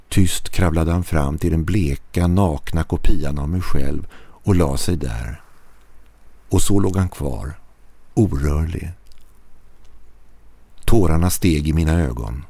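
Male narrator, deep and dark-toned, tense scripted horror reading. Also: slightly rough, no room sound. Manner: tense, measured storytelling.

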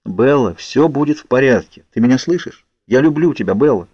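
A man reading an audiobook, voicing a tender young man who pleads softly and urgently. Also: medium pitch, expressive, fairly quick, slightly rough, no echo, highs cut off. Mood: pleading.

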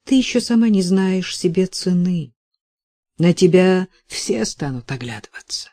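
A woman's voice: fairly low pitch, lively intonation, unhurried, warm tone, dry recording, clean studio sound. A woman reading the lines of a proud, generous man who speaks confidently. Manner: confident, boastful.

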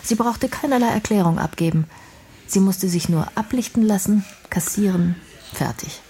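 In a radio play, an actress voices a smart, outspoken young woman, speaking articulately, reflectively and earnestly in a subdued mood. Her voice is medium-pitched and warm with a breathy edge, at a normal speed.

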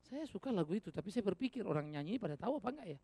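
Gravelly high-voiced man preaching. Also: sing-song, very fast, dry recording. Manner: dramatic swings between loud exhortation and hushed asides; rhetorical questions to the congregation. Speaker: pastor. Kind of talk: sermon.

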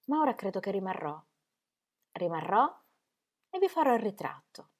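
A woman's voice: mid-range voice, big pitch swings, moderate pace, pitched above the performer's own voice. A woman reading as a languid, flirtatious painter. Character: weary, flirtatious man, a painter, languid and charming.

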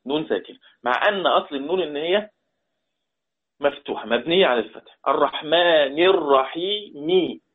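Egyptian male teacher, a little high and husky, patient and repetitive, drawing in his listeners, phone-quality audio. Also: animated, fast, pauses often. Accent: Egyptian Arabic. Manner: patient, repeats key words and asks listeners to respond. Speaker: Quran recitation teacher. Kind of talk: explanatory lesson. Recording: tinny phone-like line.

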